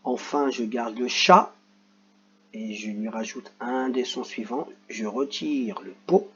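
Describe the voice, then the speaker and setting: A man's voice: mid-range voice, slow, fairly bright tone. Man, teacher, playful, explaining exercises, slightly muffled, faint background noise. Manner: playful, joking asides. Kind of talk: explaining reading exercises to children.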